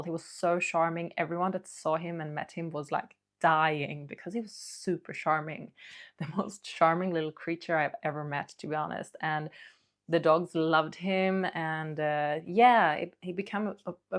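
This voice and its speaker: A woman talking casually and candidly to her audience in a hesitant, rambling, confiding monologue, as a video creator. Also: low-pitched.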